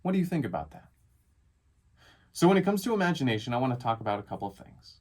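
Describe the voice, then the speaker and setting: A man's voice: mid-range voice, fast. A man, a father and realtor, hosting a casual monologue and animatedly telling a story about his young son. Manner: animated, acts out his child's lines. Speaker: realtor and podcast host.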